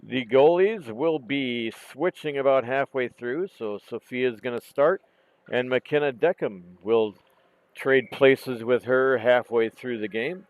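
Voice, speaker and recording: A man calling a junior women's hockey game play by play, hoarse from losing his voice, calm and unhurried, correcting himself now and then. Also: medium pitch, dry recording, low-quality recording. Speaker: play-by-play commentator. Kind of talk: live hockey commentary. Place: outdoor rink in cold weather.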